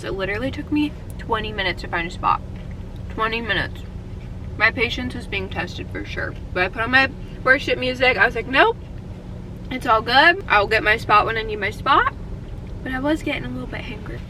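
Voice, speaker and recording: A woman's voice: fairly high pitch, pushed and bright, slight background noise. A young woman chatting bubbly and casually in a lifestyle vlog, full of "like" fillers. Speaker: lifestyle vlogger. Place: car, then shops and home.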